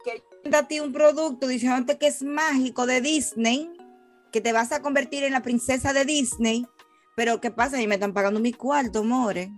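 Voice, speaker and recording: High, blunt female panelist who teases and jokes. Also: fairly even intonation, moderate pace, soft background music. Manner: playful, blunt, teasing, uses slang. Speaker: panel co-host. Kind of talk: casual panel chat.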